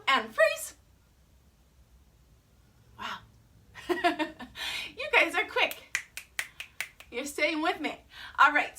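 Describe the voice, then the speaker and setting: A woman's voice: sits high, sharp tone. A woman teaching a live online yoga class for children, playful and encouraging, sometimes breaking into sing-song chants.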